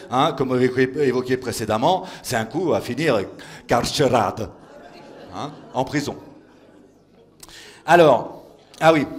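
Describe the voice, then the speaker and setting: A man from France of Italian family doing stand-up on stage as a teasing mock teacher, full of playful asides. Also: mid-range voice. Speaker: stand-up comedian. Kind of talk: comic mock language lecture on stage. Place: stage before a live audience.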